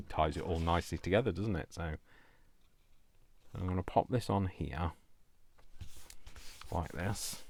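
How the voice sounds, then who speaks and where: There's slight background noise as a man with a deep voice hosts a craft video, chatting in a casual, playful way, poking fun at himself and drifting into tangents.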